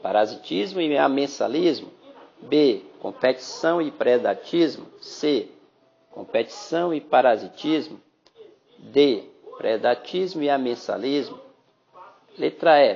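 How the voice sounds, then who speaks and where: A Brazilian man with a gravelly, creaky voice talks students through biology exam questions in a relaxed podcast lesson. He keeps checking in with his listeners as he goes. It is recorded on a phone app, so the sound is dull and lo-fi. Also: mid-range voice. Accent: Brazilian Portuguese. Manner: chatty, addresses listeners as "galerinha", frequent "né?". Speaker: biology teacher.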